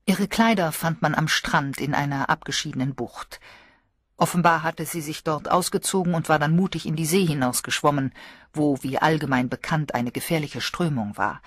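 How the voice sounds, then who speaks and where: A woman reading a mystery audiobook in steady, measured narration. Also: sits low, slightly rough, dry recording, clean studio sound. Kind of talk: scripted narration.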